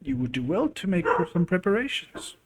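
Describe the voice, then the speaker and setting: A man voicing an older woman, a wise and worried clan mother, with earnest, gentle advice in a role-playing game. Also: sits high, sing-song, moderate pace, background noise, pitched above the performer's own voice.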